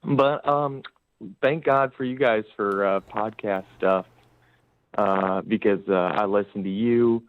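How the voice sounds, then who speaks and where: A man's voice: lowish voice, fairly even intonation, slow, no room sound. A male caller talking over the phone in a rambling way, full of fillers. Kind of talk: casual call-in chat. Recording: tinny dry phone line.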